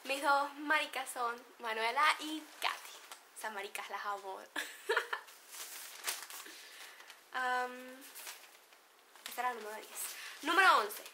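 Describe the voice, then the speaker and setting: A woman's voice: sits high, sharp tone, a little hiss or hum. A woman with a Venezuelan accent chatting playfully to camera, laughing often as she explains slang. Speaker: beauty vlogger. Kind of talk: casual chat to camera.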